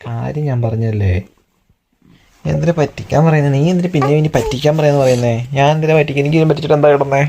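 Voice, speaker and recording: Fast-talking man teasing at home. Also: fairly high pitch, vocal fry, dark tone, a little hiss or hum. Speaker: vlogger pranking his wife. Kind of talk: casual home vlog, teasing.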